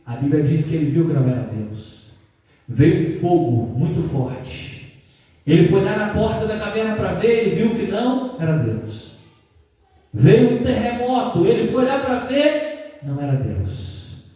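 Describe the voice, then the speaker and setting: A man's voice: fairly high pitch, dark tone. A man with a Brazilian Portuguese accent preaching a sermon as pastor, fervent and story-driven, building to impassioned pleading. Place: church hall. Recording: echoey church hall from far off.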